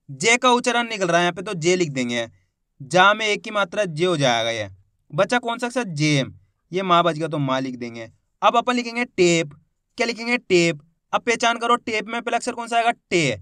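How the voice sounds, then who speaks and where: A man's voice: high voice, sharp tone, smooth, no room sound, studio quality. A man teaching Hindi reading. He sounds out each syllable, then blends them into a word, and asks questions he answers himself.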